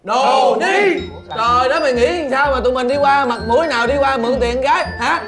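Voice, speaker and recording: A broke, scheming young roommate in a TV drama. He, a high voice and a rapid, jumpy delivery, and he keeps calling out to his friends. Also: loud music behind the voice. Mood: worried. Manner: quick, excitable, calls out names. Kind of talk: TV drama acting.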